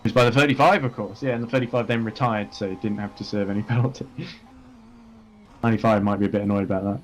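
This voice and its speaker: A man's voice: lowish voice, fairly even intonation, fast talker, a little hiss or hum. Analytical male sim racing commentator. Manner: analytical, talks through gaps and strategy with frequent fillers. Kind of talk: live race commentary.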